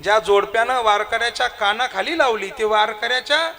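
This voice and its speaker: High-voiced dramatic male preacher. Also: brisk. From Maharashtra. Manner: dramatic, swinging between loud cries and hushed asides. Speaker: kirtan preacher. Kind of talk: devotional sermon storytelling. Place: stage at a crowded kirtan with loudspeakers. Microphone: stage microphone.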